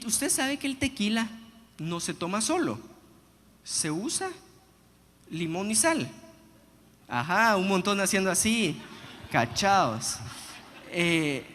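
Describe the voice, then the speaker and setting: A man preaching a sermon, telling personal stories in an animated, humorous way. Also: sits high. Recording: long hall reverb, faint background noise.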